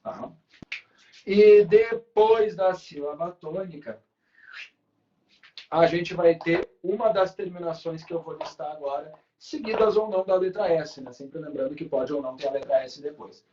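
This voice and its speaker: A Brazilian teacher with a fairly high voice, walking students through a grammar rule at the board. He stretches out key words and keeps checking in with the class. The recording sounds dull and lo-fi. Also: dark tone. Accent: Brazilian Portuguese. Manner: slow, drawn-out emphasis on key words, checks in with students often.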